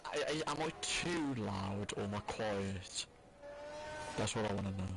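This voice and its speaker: A man's voice: on the low side, animated, a little slow, background noise. A man commentating casually, his voice muffled as if talking through a wall. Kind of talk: casual sim-racing commentary.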